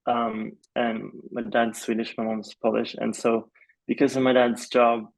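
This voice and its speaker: A Malaysian film composer, appearing as a podcast guest, casually tells stories in a mid-range, creaky voice that is flat and a little slow. He rambles and hesitates, sprinkling in "like" and "you know," and the audio is poor.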